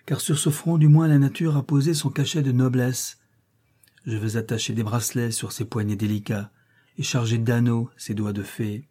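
A man's voice: medium pitch, steady tone, moderate pace, mellow, close to an everyday voice. A man reading aloud and voicing an ardent, commanding middle-aged master in a classic novel.

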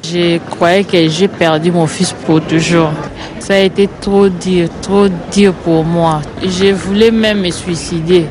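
A woman giving a deeply moved, halting personal testimony in a field interview. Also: fairly even intonation. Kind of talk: emotional testimony. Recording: noisy field recording.

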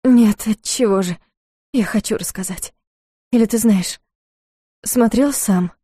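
A woman voicing a young heroine in love, impulsive and speaking softly and intimately. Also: medium pitch, a little slow, breathy edge, no echo, studio quality.

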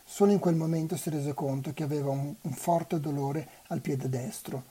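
A volunteer reader reading a novel aloud for a web radio reading marathon, in an unhurried, even way. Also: mid-range voice, slightly rough.

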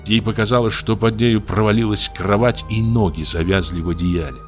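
A man narrating a literary story in a measured, expressive reading. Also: lowish voice, soft background music. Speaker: audiobook narrator.

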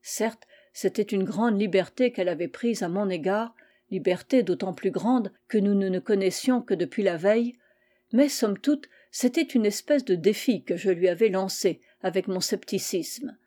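A woman reading a literary story aloud as an audiobook, in a measured, even first-person narration. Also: mid-range voice. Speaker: audiobook reader.

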